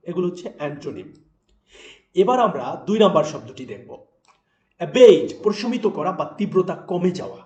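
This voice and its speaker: A man teaching English vocabulary in Bengali, talking straight to viewers with quick questions that he answers himself. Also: sits high. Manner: lively, talks to viewers directly with quick asks and answers. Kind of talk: explanatory lesson narration. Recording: roomy echo.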